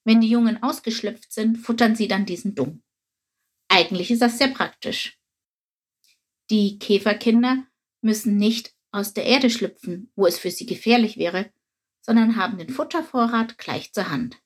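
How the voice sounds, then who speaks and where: Breathy woman reading a storybook. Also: medium pitch, normal speed. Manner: calm, even reading aloud. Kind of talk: scripted storybook narration.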